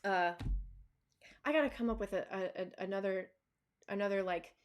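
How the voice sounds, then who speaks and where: A woman's voice: mid-range voice, normal speed. A woman dog trainer answering viewer questions in a casual live chat, talking loosely with many fillers and restarts and laughing easily.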